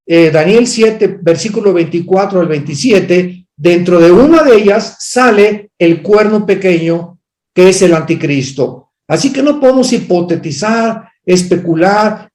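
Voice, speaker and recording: A man's voice: high voice, a little mellow. A man teaching theology, answering a student's question firmly and emphatically. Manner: firm, emphatic, corrects speculation bluntly. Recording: echoey room.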